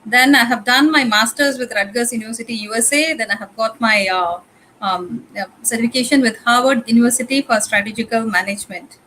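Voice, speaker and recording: A woman's voice: a little high, a little fast, pushed and bright, slight background noise, low-quality recording. A woman from Tamil Nadu with a Tamil-influenced Indian English accent, giving a conversational guest lecture with frequent fillers and repeated phrases. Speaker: guest speaker. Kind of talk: lecture talk.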